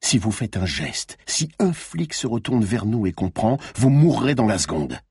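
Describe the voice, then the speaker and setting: Narrator guy doing a cold killer with a gun, low husky voice, dry sound. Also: sing-song, normal speed, darkish tone, no room sound, full character voice. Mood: threatening. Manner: cold, threatening. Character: threatening male killer with a gun. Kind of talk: audiobook narration.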